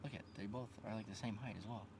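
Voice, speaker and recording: A man with a low, nasal New York accent jokes his way through live golf commentary. He is recorded outdoors on a course, with plenty of background noise around him. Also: steady tone, quick pace. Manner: chatty, joking banter.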